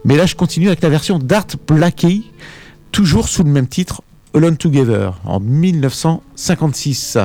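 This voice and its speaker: A man presenting a relaxed, conversational radio music segment as columnist. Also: a little high, moderate pace. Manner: relaxed, conversational, ends phrases with tag words. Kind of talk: radio music segment, casual studio chat.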